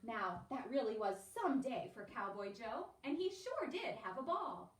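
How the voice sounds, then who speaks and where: A woman's voice: on the high side, sing-song, normal speed. A woman teaching an elementary music lesson over a home livestream, talking to young children in an encouraging, sing-song way. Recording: roomy, distant, faint background hiss.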